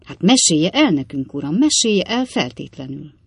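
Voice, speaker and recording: A woman doing a polite, genial old gentleman. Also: low-pitched, big pitch swings, vocal fry, breathy edge, no echo, studio quality, heavily acted. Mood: courteous. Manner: courteous, formal.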